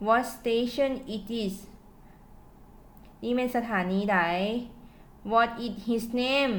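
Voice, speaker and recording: A woman with a Lao accent teaching English at home. She says English phrases slowly and carefully, then quickly translates each one. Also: mid-range voice. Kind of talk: casual spoken lesson.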